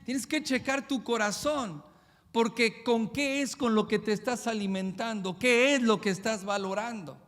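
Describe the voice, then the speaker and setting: A male pastor, preaching a sermon with emphatic, rapid-fire rhetorical questions. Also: very high voice, fairly bright tone, long reverb tail.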